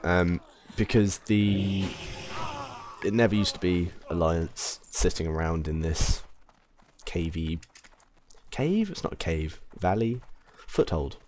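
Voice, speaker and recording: An English man talks his way through a game session in a deep, low register. He wanders off topic and second-guesses himself as he goes. A faint hiss of noise sits behind his voice. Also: slow pace, a little mellow. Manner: rambling, self-correcting, chatty. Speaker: let's play commentator. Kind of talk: casual gameplay commentary.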